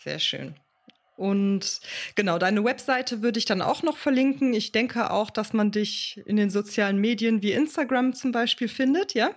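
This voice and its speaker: Woman, podcast host, casual interview tone, easy with fillers, steady affirming backchannels. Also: fairly high pitch, normal speed. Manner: affirming, frequent "ja" and "mhm" backchannels; relaxed, lightly hesitant with "äh" fillers. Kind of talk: conversational interview.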